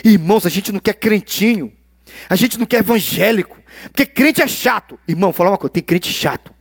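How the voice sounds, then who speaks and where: A man preaching a sermon as a pastor, animated, swinging from loud exclamations to hushed asides. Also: high voice, a little fast, slightly rough, no echo, clean studio sound.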